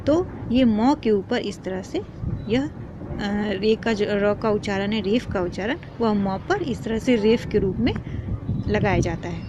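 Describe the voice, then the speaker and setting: A woman teaching parents a spelling lesson, speaking slowly and patiently and repeating each sound. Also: medium pitch, animated. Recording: dull lo-fi with faint noise.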